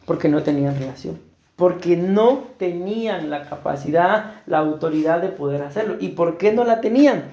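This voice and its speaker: A man's voice: sits high, expressive, moderate pace, warm tone, dull audio. A middle-aged man with a Costa Rican accent, preaching a sermon as pastor and earnestly asking his congregation rhetorical questions. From Costa Rica. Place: church hall. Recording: roomy church echo.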